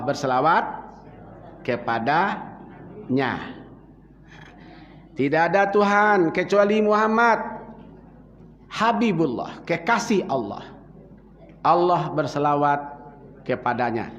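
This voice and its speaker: An older man with a Minangkabau accent giving a dawn sermon in a mosque. He tells the story in a folksy, animated way and speaks straight to his listeners. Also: high-pitched. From West Sumatra, Indonesia. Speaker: preacher. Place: mosque prayer hall. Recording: dull, reverberant mosque sound.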